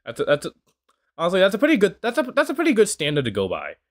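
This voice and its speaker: This YouTube reactor, a twenty-year-old from the United States, rattles off loose, meandering reactions stuffed with "you know" fillers. He talks rapid-fire in a high-sitting voice that swings hugely in pitch.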